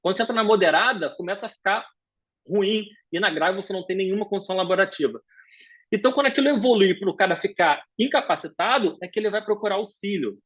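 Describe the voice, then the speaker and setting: A man with a Brazilian Portuguese accent giving a brisk, animated talk over a video call, often filling pauses with "é". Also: sits high, highs cut off. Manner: brisk, animated lecturing with frequent filler "é". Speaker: guest speaker, professor. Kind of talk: live webinar lecture.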